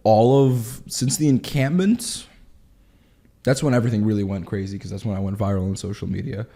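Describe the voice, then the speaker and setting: A man of twenty, telling his story in a candid interview in quick, animated bursts. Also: on the low side. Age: 20s. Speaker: guest.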